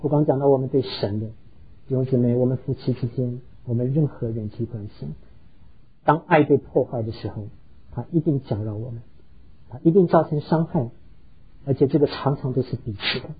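A man's voice: mid-range voice, a little fast, slightly rough, phone-quality sound. A pastor preaching a sermon, earnestly telling stories and slipping English words into his talk. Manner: earnest, heartfelt storytelling.

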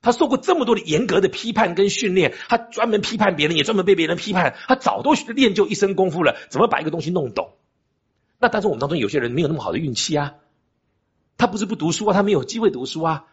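An older man preaches to his congregation in a heavily husky voice whose pitch rises and falls freely. He presses his points with rhetorical questions. The recording sounds dull and lo-fi. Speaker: pastor. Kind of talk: sermon.

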